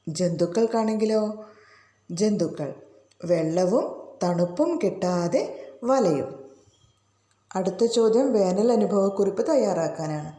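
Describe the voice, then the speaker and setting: Slow, mellow-voiced woman teacher. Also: mid-range voice. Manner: asks pupils rhetorical questions. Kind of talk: explaining a school lesson to children. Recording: roomy echo.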